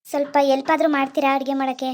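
A woman voicing a tired, gentle pregnant young wife in a cartoon. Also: high voice, level tone, rapid-fire, close to an everyday voice. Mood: pleading. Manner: gentle, pleading. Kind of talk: animated cartoon voice acting.

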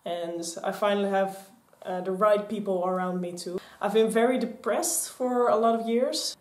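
Casual vlog chat from a Netherlands-born woman in her 20s: medium pitch, moderate pace, lots of rambling and hand gestures. She faces a camera on a stand in a small, echoey craft room stocked with shelves and mannequins.

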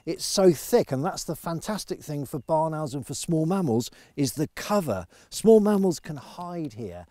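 A middle-aged man from the UK explaining wildlife habitat outdoors in a clear, enthusiastic instructional manner, on a lapel mic. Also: on the high side, sing-song, normal speed, hardly any pauses, mellow, dry recording. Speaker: conservation educator. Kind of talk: instructional nature film. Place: outdoors in grass fields.

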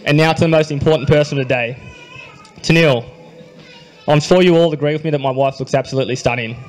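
A young Australian man reading his wedding speech into a handheld microphone at a reception, with dry humor and a quietly emotional delivery. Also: on the high side, fast, over music, rough recording. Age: young adult. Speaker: groom giving a wedding speech. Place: wedding reception hall, indoors.

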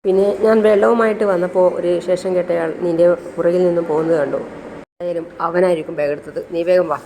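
Woman doing a steady young man, calm and helpful, lowish voice, retold serial. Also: fast talker, gravelly, slight background noise, low-quality recording.

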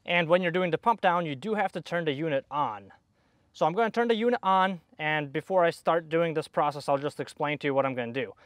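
In this hands-on tutorial, a young man working as an HVAC technician talks through his work on an outdoor air conditioner one step at a time. His voice is high-leaning, expressive, brisk and a bit bright, recorded without any room sound.

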